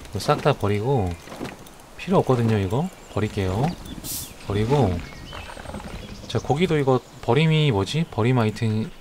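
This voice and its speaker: Male game streamer, live play-by-play, chatty and excitable, mid-pitched voice over clear background noise. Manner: chatty, narrates each move, shouts excitedly at fights.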